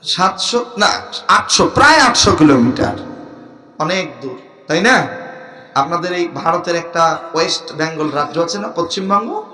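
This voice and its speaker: A man from Bangladesh, preaching a sermon at an outdoor gathering under a large tent. He swings from quiet coaxing to shouted calls for the crowd to respond. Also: on the high side, expressive, moderate pace, pauses often, reverberant, in a large hall. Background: crowd of listeners.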